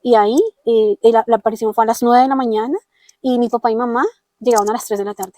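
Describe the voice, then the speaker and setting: A woman's voice: a little high, fairly even intonation, fast talker, mellow, no room sound. Earnest Colombian woman telling a story. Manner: earnest storytelling, acts out quoted dialogue. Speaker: interviewee telling her testimony. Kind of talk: personal testimony in conversation.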